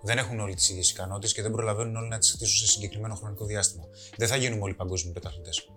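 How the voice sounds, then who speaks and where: A man's voice: fairly low pitch, steady tone, pushed and bright, faint music behind. A man hosting a casual podcast interview, asking direct, challenging questions in casual slang. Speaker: podcast host.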